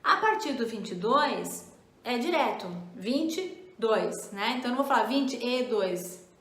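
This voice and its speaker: High-voiced woman teaching slowly. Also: animated, fairly bright tone, echoey room. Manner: encouraging, drills numbers slowly and repeats. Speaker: French teacher. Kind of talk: online language lesson.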